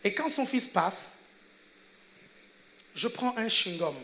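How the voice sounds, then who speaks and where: Gabonese male pastor, high and bright, emphatic preacher, checks in with the congregation constantly. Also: expressive, slow, gravelly, slight background noise. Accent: Gabonese French. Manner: laughs between phrases, swings from loud to hushed. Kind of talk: sermon.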